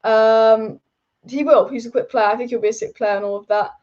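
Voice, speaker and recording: A woman's voice: a little high, steady tone, a little fast, darkish tone, lo-fi sound. A young woman hosting a casual football livestream, tired and hungover on little sleep, rambling candidly in slangy talk. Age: young adult. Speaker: football YouTube host. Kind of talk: casual livestream chat about football news.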